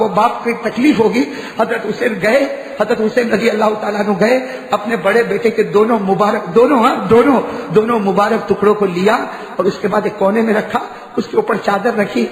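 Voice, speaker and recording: A male preacher tells a story in a heated sermon, and his voice sits high. He swings from ringing shouts down to low, hushed narration. A long reverb trails every phrase of the big hall. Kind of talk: impassioned Urdu sermon storytelling.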